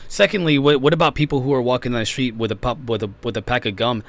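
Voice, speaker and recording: A man's voice: mid-range voice, fairly even intonation, quick pace. A man on a podcast panel arguing emphatically in a casual debate and cutting in often.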